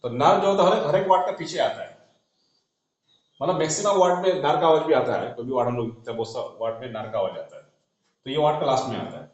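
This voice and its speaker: A man explaining shorthand in a classroom, spelling out letters as he writes and often trailing off softly. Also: a little high, fast talker. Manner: talks while writing on a board, spells letters aloud, trails off softly. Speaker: shorthand teacher. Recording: echoey dull room recording.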